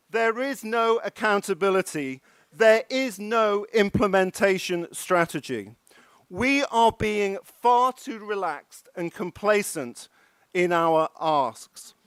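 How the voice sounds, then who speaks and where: A man's voice: high voice, expressive, takes it slowly, fairly bright tone, smooth, no echo. A man delivering an impassioned, emphatic formal speech with rhetorical questions. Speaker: keynote speaker.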